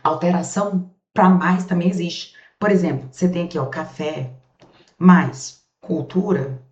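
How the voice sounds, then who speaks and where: A woman with a Brazilian accent teaching a grammar lesson. She chats with her students as she goes, asks their questions for them and answers them, and spells out sounds slowly while she writes. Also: on the low side, darkish tone. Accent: Brazilian Portuguese. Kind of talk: recorded classroom lesson. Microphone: camera set up in front of her. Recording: roomy, slightly dull sound.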